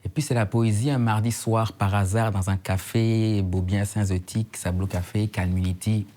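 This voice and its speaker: Reflective low-voiced man from Côte d'Ivoire. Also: steady tone, normal speed, mellow. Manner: reflective, repeats phrases for emphasis. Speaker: slam poet guest. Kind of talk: casual interview chat.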